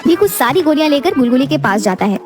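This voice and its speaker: High-voiced woman narrating a cartoon story. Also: fast, over music. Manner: steady, plain storytelling.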